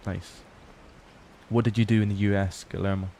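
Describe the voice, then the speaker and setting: A young man with a low voice talks to his stream at a late hour, sounding worn out. His delivery stays flat and relaxed, full of swearing and remarks to chat. Faint ambient game sound sits quietly behind him. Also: normal speed, a little hiss or hum. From Scotland. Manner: relaxed, swears often, reads chat aloud. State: tired. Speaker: livestream host.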